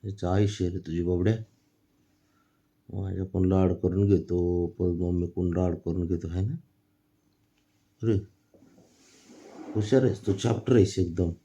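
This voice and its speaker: A man with a low, gravelly voice talks to his cats in an easy, teasing way. His tone is dark and a little husky, and he speaks slowly. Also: steady tone. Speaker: cat owner vlogger. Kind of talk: casual talk to pets.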